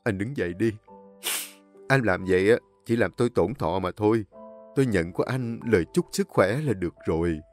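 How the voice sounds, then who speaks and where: A man voicing a wealthy, generous middle-aged man who speaks in a calm, reassuring way, a little lower than his own voice. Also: moderate pace, soft background music, natural voice. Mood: kind.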